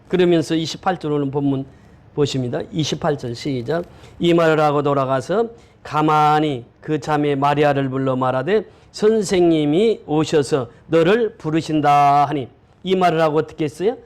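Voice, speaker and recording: A man's voice: fairly high pitch, fairly quick. A male pastor preaching a sermon, often quizzing the congregation with questions.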